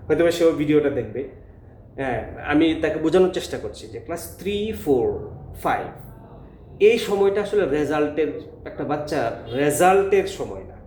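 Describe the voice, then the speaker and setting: A man's voice: on the high side, a little mellow. A man talks earnestly to a room of parents, stopping often on filler sounds as he explains their children's reading trouble. His voice rings in an echoey classroom. A faint background hum sits under it. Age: adult with a school-age child. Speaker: English teacher. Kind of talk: informal talk to parents.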